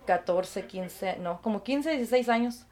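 A woman, a guest recounting her experiences and acting out the voices of others in lively conversation. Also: mid-range voice, normal speed. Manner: animated, acts out quoted voices, laughs easily. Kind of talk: storytelling in conversation.

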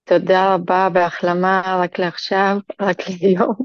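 A woman's voice: on the low side, level tone, no echo, highs cut off. A woman speaking as a podcast guest in an earnest, hesitant way, with many restarts. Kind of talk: casual podcast chat.

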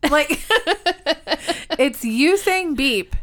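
A woman's voice: high voice, lively intonation, extremely slow, fairly bright tone. A young woman co-hosting a podcast, chatting casually with a giggly, teasing manner. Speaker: podcast co-host. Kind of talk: casual chat.

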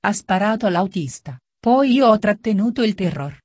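A woman voicing a calm, stubborn gentleman in a storybook reading, with a steady manner. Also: medium pitch, normal speed, no echo, clean studio sound, lightly acted. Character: calm, stubborn gentleman highwayman, adult man.

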